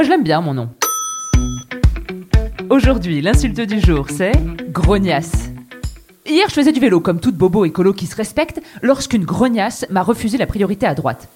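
A young woman hosting a comic podcast, delivering a scripted wry monologue that swings between loud and hushed. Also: lowish voice. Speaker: podcast host.

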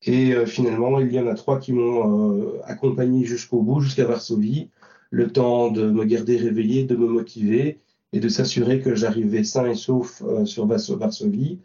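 A man's voice: medium pitch, steady tone, normal speed, warm tone. A man from Belgium recounting a trip in an interview, hesitant, with many fillers and restarts. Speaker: volunteer driver recounting trip. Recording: distant, roomy, dull lo-fi sound.

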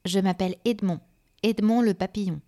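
A woman's voice: mid-range voice, steady tone, normal speed, dark tone, lightly acted. A woman voicing a playful, friendly male moth in a children's storybook, light and amused.

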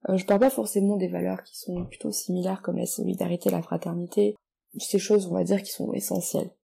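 Gravelly, husky young Frenchwoman. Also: lowish voice, level tone, warm tone. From France. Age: 20s. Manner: measured, reflective, with hesitant restarts when speaking freely. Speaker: guest. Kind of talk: reading own poetic text, then casual interview talk.

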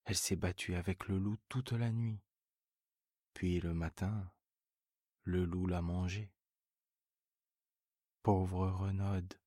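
A fond, worried old farmer who pleads and cries out in alarm, as a man puts him on for a bedtime story reading. His voice sits low and breathy, and he talks slowly and evenly even when upset. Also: no room sound, clean studio sound. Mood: pleading, alarmed. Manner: pleading, exclaiming.

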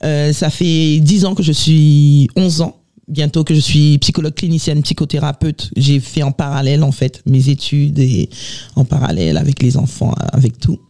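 Une femme de quarante et quelques années, originaire de Guadeloupe, invitée dans un studio de radio, qui se présente d'un ton vif en riant souvent. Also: female voice, sits low, normal speed. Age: 40s. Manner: lively, laughs often, lists her activities. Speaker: radio guest. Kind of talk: casual radio chat.

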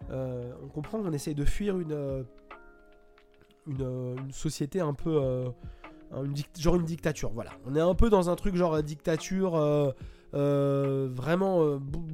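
Hesitant man with a mellow voice. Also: on the high side. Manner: hesitant, many fillers and restarts. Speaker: video game reviewer. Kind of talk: casual spoken game review. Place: home, at a computer.

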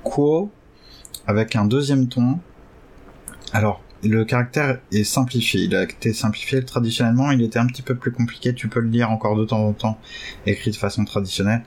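A man hosting a casual chat who hesitates a lot and jumps up excitedly in pitch now and then. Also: fairly quick. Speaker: podcast host learning Chinese.

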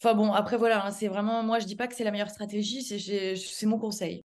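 Casting: French-accented woman, podcast guest, chatty and hesitant, mid-pitched voice. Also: steady tone, fast talker, a little mellow. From France. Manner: chatty, hesitant, many filler sounds and laughs. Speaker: guest, public relations adviser. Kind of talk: casual podcast conversation.

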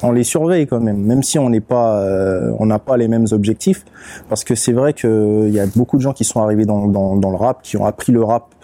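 Deep, dark-voiced male rapper talking. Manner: relaxed, unhurried, with many fillers and restarts. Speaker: rapper and beatmaker, guest. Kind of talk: casual interview talk.

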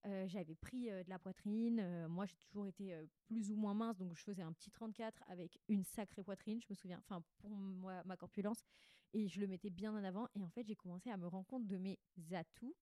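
A podcast host in her 20s talks with a stuffy, congested nose in a mellow voice of average female pitch, recorded very dry with no room echo. Her brisk, chatty, slangy monologue sounds like a candid diary confession, and she rambles and cuts herself off mid-sentence to correct things.

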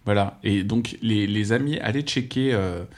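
A young man co-hosting a podcast in relaxed chat, rambling and correcting himself as he goes. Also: lowish voice, normal speed. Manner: rambling, self-correcting, laughs often. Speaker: podcast co-host, bassist. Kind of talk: casual chat.

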